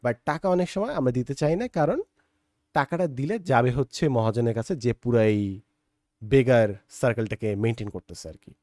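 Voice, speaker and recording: A man's voice: medium pitch, moderate pace, a little mellow, no room sound, clean studio sound. A man from Bangladesh, giving a reflective conversational monologue and talking straight to the listener, with English words mixed in. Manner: conversational, mixes English into Bengali, addresses listener directly. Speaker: monologue host.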